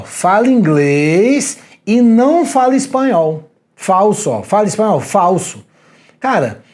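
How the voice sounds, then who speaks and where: A man with a Brazilian Portuguese accent teaching an exam prep lesson on video, animated and slangy, talking straight to the viewer. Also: high voice. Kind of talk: energetic video lecture.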